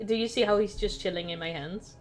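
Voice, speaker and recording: A woman's voice: medium pitch, brisk. A bubbly woman co-hosting a podcast, chatting casually and reading a creepy story aloud. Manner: bubbly, cooing over her pets. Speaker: podcast co-host and story reader.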